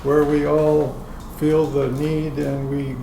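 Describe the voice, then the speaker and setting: A man's voice: fairly high pitch, flat delivery, takes it slowly. A man telling a rambling, chuckling story about the show he produces, chatting at a dinner meeting. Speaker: public-access show producer. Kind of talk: casual chat at a dinner meeting. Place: dinner gathering indoors. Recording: echoey room, background noise.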